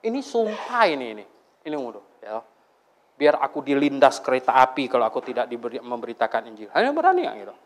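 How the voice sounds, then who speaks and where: A man preaching a Sunday sermon to a congregation, telling stories and questioning his listeners in an animated way. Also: mid-range voice, fast, a little hiss or hum. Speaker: pastor. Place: church before a congregation.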